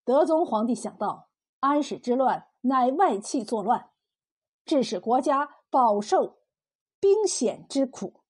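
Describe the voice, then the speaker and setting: A woman narrating a historical tale in a steady storytelling manner. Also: fairly high pitch, breathy edge.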